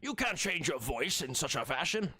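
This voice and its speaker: Give me a man doing a high-pitched, theatrical old-fashioned gentleman in stilted formal speech. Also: big pitch swings, normal speed, breathy edge, heavily acted. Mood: astonished. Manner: exaggerated theatrical formal diction.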